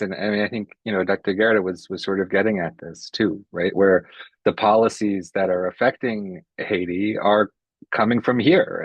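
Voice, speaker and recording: A man's voice: fairly low pitch, no room sound. A man researcher speaking as a panelist in an online discussion, conversational and tagging his points with "right?". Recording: dull, dry webinar audio.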